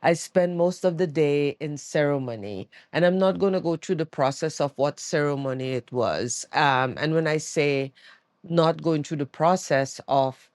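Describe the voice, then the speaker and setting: A woman vlogger talking reflectively from her bed at home, worn out and tired in her voice, pausing often to search for words. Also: sits low, darkish tone, no echo, studio quality. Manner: slow, searching, pauses often with um. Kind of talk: reflective personal talk.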